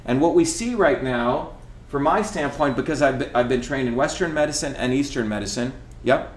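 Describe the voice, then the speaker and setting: A man's voice: mid-range voice, moderate pace. Emphatic man lecturing in a roomy kitchen. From India. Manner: emphatic, lecturing, repeats points and asks "okay?". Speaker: host. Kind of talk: casual talk while cooking. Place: home kitchen, indoors. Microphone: camera across the kitchen. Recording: echoey kitchen room.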